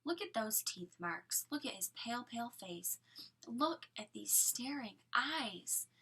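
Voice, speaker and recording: A woman reading aloud and voicing a scheming male villain with a mocking, breathy half-whisper and slow menace. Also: on the high side, animated, pushed and bright, exaggerated voice. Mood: sneering.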